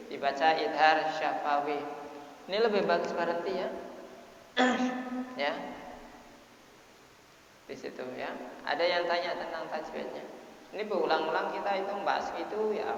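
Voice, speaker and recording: A man teaching a Quran recitation lesson who chants the Arabic words and often clears his throat. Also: fairly high pitch, a bit bright, slight background noise. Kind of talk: tajwid lesson. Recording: dull, echoey hall sound.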